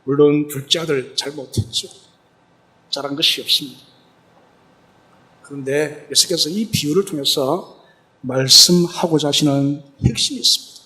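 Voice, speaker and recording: A man's voice: a little high, moderate pace, pauses often, bright, forceful tone. A male pastor preaching a sermon, retelling a parable and asking rhetorical questions.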